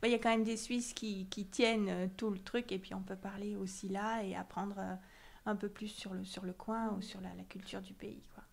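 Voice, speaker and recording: A woman from France, president of an association, chatting in an interview in a lively way with hesitant fillers. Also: mid-range voice, a little fast, gravelly. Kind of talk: casual interview chat.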